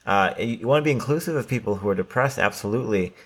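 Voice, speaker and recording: A man's voice: lowish voice, expressive, fast, breathy edge. A man co-hosting a podcast, talking casually with lots of "like" and "right?" fillers. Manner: conversational, many fillers like "like" and "right?". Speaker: podcast co-host.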